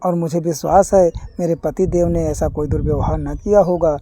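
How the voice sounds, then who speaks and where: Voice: mid-range voice, steady tone, moderate pace, mellow, slight background noise, natural voice. A narrator voicing a young teenage village bride who pleads in distress. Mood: pleading.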